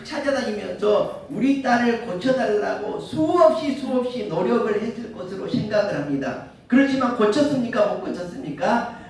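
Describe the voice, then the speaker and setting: A man's voice: high voice, slight background noise. A male pastor preaching a sermon, asking his listeners rhetorical questions. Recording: very echoey room, mic far off.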